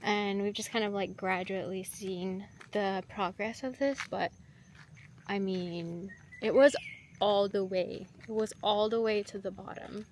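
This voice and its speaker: A woman chatting to camera in a casual vlog outdoors, excited and full of fillers. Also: medium pitch, unhurried. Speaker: vlogger showing their land. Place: outdoors on a building site. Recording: outdoor noise, passing vehicles.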